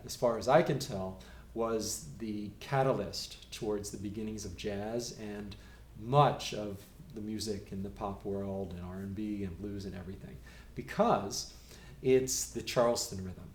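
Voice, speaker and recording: A middle-aged man teaching a piano rhythm lesson, counting beats aloud in a calm, patient way. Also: lowish voice, measured pace. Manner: calm, patient, counts steadily and talks the class through exercises. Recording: echoey room with faint noise.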